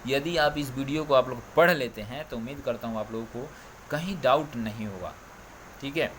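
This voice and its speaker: A male coaching teacher walks students through Hindi sounds, repeating each letter and checking in constantly. His voice sits at an ordinary middle pitch. A faint hiss of background noise runs under the recording. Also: moderate pace, a bit bright. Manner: drilling, repeats "ठीक है" often.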